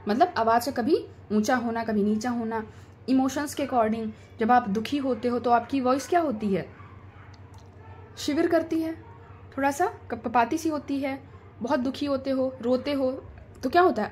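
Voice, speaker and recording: A woman with a high-pitched voice and an Indian accent delivers an explanatory exam-prep lecture, repeatedly posing questions and answering them herself. A faint ambient hum lingers in the background.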